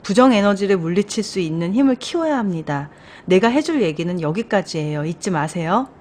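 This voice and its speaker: An upbeat, wise woman bus driver, earnest and encouraging as she hands out firm advice, voiced by a woman reading a storybook aloud. Her pitch sits in a plain middle range. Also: lively intonation, brisk, darkish tone, slight background noise, natural voice.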